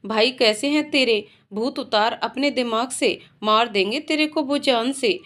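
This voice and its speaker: A woman's voice: a little high, unhurried, fairly bright tone. A woman voicing a blunt, caring young friend who scolds in a storybook tale. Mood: alarmed.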